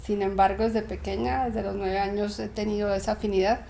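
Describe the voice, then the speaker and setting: A woman's voice: medium pitch, level tone, fairly quick, vocal fry, a little hiss or hum. A woman with a Bogotá Colombian accent answering interview questions in a friendly, conversational way. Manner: warm, friendly, occasionally laughing. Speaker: interview guest.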